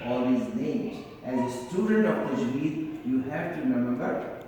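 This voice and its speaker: A man teaching a classroom lesson, slowly repeating and drilling terms with his students. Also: medium pitch, lively intonation, warm tone. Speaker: tajweed teacher. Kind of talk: classroom lecture. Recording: echoey hall, mic far off, faint noise.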